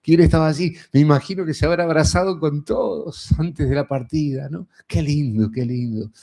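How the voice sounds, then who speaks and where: Man, Rioplatense accent, middle-aged, preaching, chatty and folksy, warm mellow voice. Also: on the high side, brisk, creaky. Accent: Rioplatense Spanish. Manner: folksy and conversational, frequent rhetorical "¿no?". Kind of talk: sermon.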